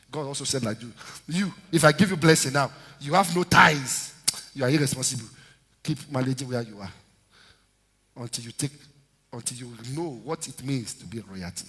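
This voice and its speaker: Man, senior pastor, sermon, sharp bright voice, long hall reverb. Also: mid-range voice, husky. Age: 50s. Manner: preaching with shouted call-and-response. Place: church hall. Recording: echoey church hall reverb.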